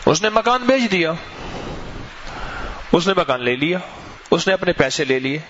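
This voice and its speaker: A man delivering a sermon as a preacher, telling stories with sweeping rises and falls in his voice. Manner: storytelling with lively swings in pitch. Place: mosque gathering. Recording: dull lo-fi recording with faint noise.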